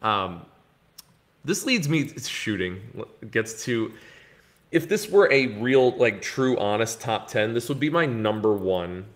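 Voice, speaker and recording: A man hosting a casual podcast, telling stories in an animated way and acting out the scenes he describes. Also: lowish voice, slow pace. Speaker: podcast host. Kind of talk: casual movie-talk podcast chat.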